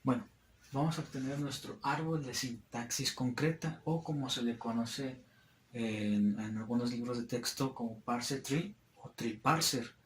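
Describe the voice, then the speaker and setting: A man's voice: medium pitch, measured pace, a little hiss or hum. A young man, a student, explaining a topic at a board in a hesitant, filler-heavy way. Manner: hesitant, frequent fillers and restarts. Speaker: student presenter. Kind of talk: classroom explanation at a whiteboard. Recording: echoey room.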